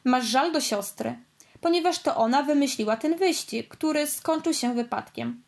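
A woman voicing a calm, understanding father car in a storybook, speaking gently. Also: high voice, normal speed, gravelly. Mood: gentle. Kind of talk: storybook read-aloud.

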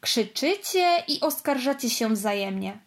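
A woman voicing a calm, understanding father car in a storybook, speaking gently. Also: a little high, a little slow. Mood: gentle. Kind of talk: storybook read-aloud.

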